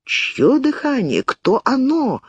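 A woman's voice: sits high, huge pitch swings, takes it slowly, husky, no echo, highs cut off, voice pushed up, exaggerated voice. A woman reading an audiobook, voicing a firm older sister who scolds and steadies her younger sibling. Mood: stern. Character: stern, protective older sister.

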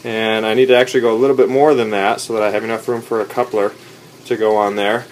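A young man with a low, level voice walks through a home repair step by step in a casual how-to tone. He talks plainly, with fillers and quick self-corrections. He is picked up on a nearby camera mic in a basement room with a faint hiss behind him. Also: flat delivery. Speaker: DIY instructor. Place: unfinished basement bathroom, indoors. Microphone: camera mic, filming handheld and close.

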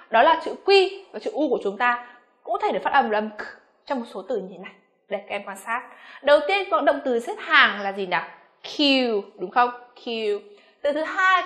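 A woman teaching English pronunciation to students, asking them frequent questions and slowing down to model each English word. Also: fairly high pitch, bright, forceful tone. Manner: addresses learners as "các em", frequent rhetorical questions; slows down to model English words slowly. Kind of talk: classroom-style pronunciation lesson.

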